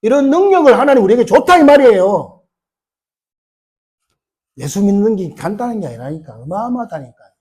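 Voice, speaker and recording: A male pastor preaching a sermon in an animated way, firing rhetorical questions at the congregation. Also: sits high, brisk, long pauses, breathy edge.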